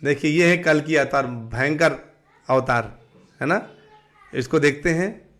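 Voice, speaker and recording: A man giving a live-streamed devotional talk, asking the audience questions and answering them himself, sometimes breaking into slow sung chanting. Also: fairly high pitch, fairly bright tone. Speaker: devotional teacher.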